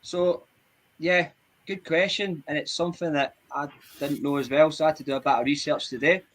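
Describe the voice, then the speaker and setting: A man's voice: fairly high pitch, fairly even intonation, fairly quick, fairly bright tone. A man co-hosting a podcast over a video call, talking informally and working through facts he has looked up. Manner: informal, says mate and bud, recounts researched facts. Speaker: podcast co-host. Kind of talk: casual podcast chat.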